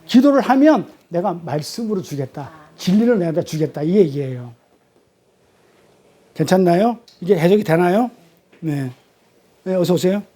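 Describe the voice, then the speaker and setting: A man's voice: high voice, expressive, normal speed, long pauses, mellow. A man teaching a Bible study sermon, questioning his class and repeating key phrases.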